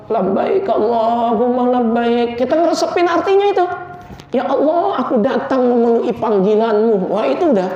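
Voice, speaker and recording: A man preaching, telling stories with jokes and loud emotional peaks. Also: sits high, slight background noise. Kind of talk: informal religious study talk. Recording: echoey room, dull lo-fi sound.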